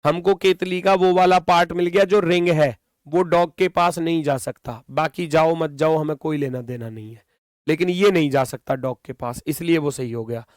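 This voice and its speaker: A man's voice: fairly high pitch, moderate pace, dry recording, clean studio sound. A man teaching a reasoning class online, explaining with lots of repetition and scolding students now and then.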